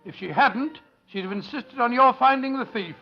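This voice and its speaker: An actor playing a hearty, baffled British doctor, the loyal sidekick in an old radio mystery, with a blustery, avuncular manner. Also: male voice, extremely high pitch, animated, moderate pace, full character voice. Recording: muffled vintage radio recording with music.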